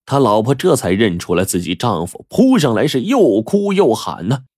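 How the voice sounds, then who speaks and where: Lively, husky male folk storyteller. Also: medium pitch, no echo, studio quality. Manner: lively, dramatic, drawn-out phrase endings.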